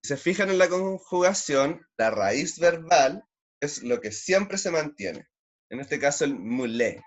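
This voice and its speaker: A man's voice: on the high side, lively intonation, measured pace. A man with a Chilean accent teaching a beginner language class online, patiently drilling sounds and repeating syllables. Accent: Chilean Spanish.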